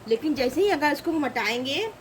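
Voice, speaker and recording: Brief: high-pitched woman teacher, slow and patient, repeats each word, faint background noise. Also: expressive, rough recording. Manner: repeats each example word, asks the class questions. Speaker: grammar teacher. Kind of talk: slow spoken lesson.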